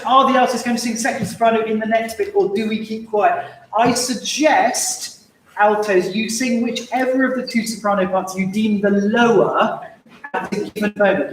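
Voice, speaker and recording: A man leading a choir rehearsal, giving brisk, wry instructions and singing phrases to show how they go. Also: sits high, fairly bright tone, a little hiss or hum. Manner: brisk, wry and encouraging, sings phrases to demonstrate. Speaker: choir conductor. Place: large echoey rehearsal hall. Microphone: distant room microphone. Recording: echoey hall from far off, faint music.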